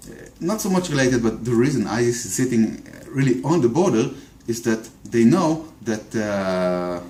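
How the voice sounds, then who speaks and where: A video commentator with an Israeli accent talks through a political argument off the cuff in an echoey room, often tripping over repeated words and fillers. His mellow, medium-pitched voice has lively intonation and moves at a normal speed.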